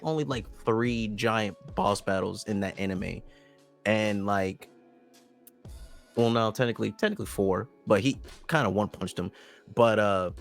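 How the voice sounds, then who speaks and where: A man co-hosting an anime podcast, talking in a loose, rambling way with lots of restarts and fillers. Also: mid-range voice. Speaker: podcast co-host. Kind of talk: casual chat.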